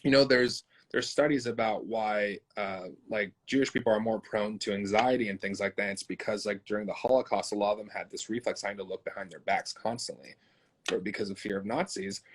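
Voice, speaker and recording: A man hosting an interview, talking in an animated way with many fillers. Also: lowish voice, brisk, slightly rough. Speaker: host. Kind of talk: conversational interview.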